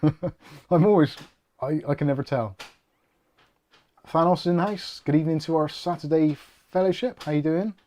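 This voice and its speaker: Rambling through viewer comments on a casual tech channel livestream, a middle-aged British host jokes in a self-deprecating manner. His voice is on the high side with a dark tone, at normal speed with long pauses.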